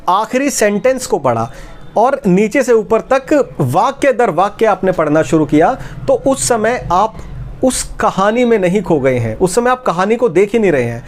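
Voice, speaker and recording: A man's voice: sits high, darkish tone, slight background noise. A man explaining step by step in a tutorial and speaking to viewers as friends. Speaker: publishing instructor. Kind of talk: tutorial talk.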